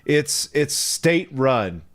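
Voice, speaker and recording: A man hosting a casual podcast conversation, chatty and relaxed. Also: fairly high pitch, very slow. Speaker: podcast host. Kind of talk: casual chat.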